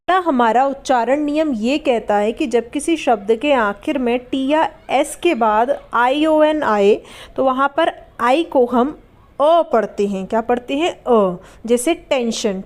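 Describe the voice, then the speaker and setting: A woman's voice: high voice, darkish tone. A woman teaching a spoken English lesson, spelling words out letter by letter and asking patient checking questions. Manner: patient, asks checking questions and answers them.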